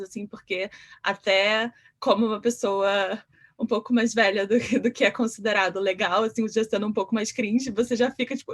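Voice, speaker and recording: A woman in her thirties with a Brazilian Portuguese accent, a comics artist chatting animatedly and self-deprecatingly on a panel. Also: a little high. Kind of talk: casual panel chat.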